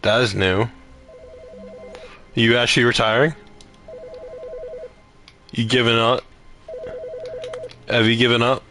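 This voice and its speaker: A man's voice: medium pitch, steady tone, slow, long pauses, music in the background. A man doing casual gameplay commentary, talking to himself and to the game as he plays. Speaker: gamer.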